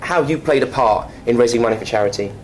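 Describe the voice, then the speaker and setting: British bloke co-hosting a silly office show, cheeky, teases the guest, faint hiss. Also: male voice, medium pitch, quick pace. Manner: cheeky, teasing. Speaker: co-host of a mock chat show. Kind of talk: casual chat.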